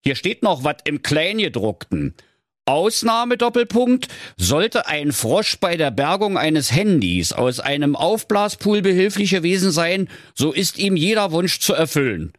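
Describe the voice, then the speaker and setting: A man's voice: a little high, very animated, unhurried, no echo, clean studio sound, voice pushed up. A man voicing a pompous middle-aged father in a mildly raised voice with a Berlin accent, speaking officiously. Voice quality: officious, reads rules aloud.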